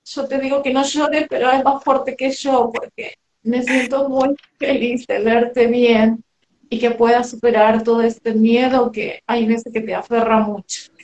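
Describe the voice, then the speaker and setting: A woman's voice: fairly high pitch, flat delivery, unhurried, darkish tone, reverberant, rough recording. A woman with a Rioplatense Spanish accent, speaking tenderly and affectionately as a medium relaying messages in a live session. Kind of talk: live spiritual reading.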